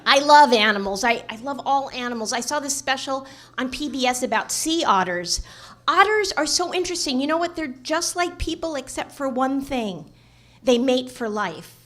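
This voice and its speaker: A woman's voice: high-pitched, animated, moderate pace. A woman telling stand-up jokes in short setups, quoted exchanges and punchlines. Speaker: stand-up comedian. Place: live comedy stage.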